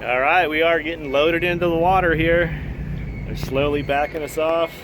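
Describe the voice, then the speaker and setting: A man's voice: on the high side, fairly even intonation, moderate pace. A man talking casually to camera as a travel vlogger, giving updates on his trip. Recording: faint background noise on location.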